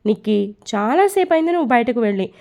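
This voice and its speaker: A woman's voice: a little high, lively intonation, fast talker, creaky, a little mellow. A woman storyteller voicing a strict, worried middle-aged mother in a stern tone.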